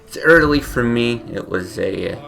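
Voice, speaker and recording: A man's voice: medium pitch, lively intonation, normal speed, vocal fry. A sleepy man with his morning voice, casually thinking aloud while playing a card game, with many fillers. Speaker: game streamer. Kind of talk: casual gameplay commentary.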